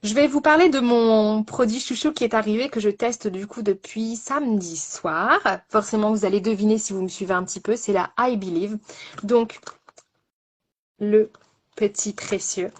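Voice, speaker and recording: A woman in a casual live-stream, a makeup artist presenting a product with many fillers and repeated words. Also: mid-range voice.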